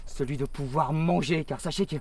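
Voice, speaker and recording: An actor playing a loyal, exasperated squire in a theatrical, declamatory, hammy stage manner. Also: male voice, fairly high pitch, normal speed, darkish tone, husky. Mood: proud, declamatory. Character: loyal, exasperated squire Sancho, pleading with his master. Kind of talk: theatrical stage dialogue in French.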